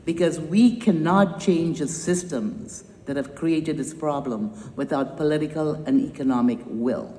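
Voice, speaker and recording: A woman from Trinidad with a low, warm voice and a Trinidadian accent founded a nonprofit and gives an emphatic, rousing speech laced with wry humor. It echoes through a hall with long reverb.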